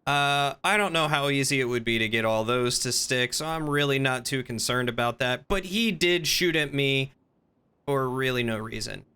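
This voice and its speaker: A man's voice: mid-range voice, moderate pace, sharp tone, clear, resonant tone. A man playing a chill, slightly dim surfer-dude police trooper with a laid-back drawl in an improvised game role-play. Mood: laid-back, casual.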